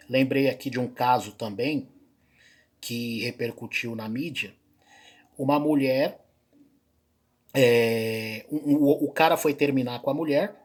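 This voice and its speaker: A man hosting a reaction video, talking in loose, rambling commentary with frequent fillers and pauses. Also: on the high side. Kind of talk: casual spoken commentary.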